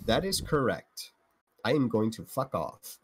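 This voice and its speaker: A man's voice: medium pitch, very animated, a little slow, a little hiss or hum. A man talking casually and profanely as a player in a tabletop role-playing game.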